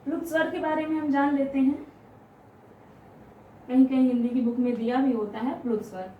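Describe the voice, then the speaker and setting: A woman teaching grammar, explaining step by step, asking questions and answering them herself, and stretching out example sounds slowly. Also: sits high, fairly even intonation, narrow, tinny audio, slight background noise. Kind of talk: classroom explanation. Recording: echoey room, voice from a distance.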